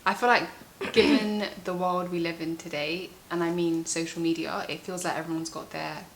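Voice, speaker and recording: A young woman co-host chats informally, giving frank, reassuring advice. Her voice has a slightly low pitch, and there is a faint hiss in the recording. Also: fairly even intonation, normal speed, rough recording. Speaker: talk show co-host. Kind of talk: casual advice chat.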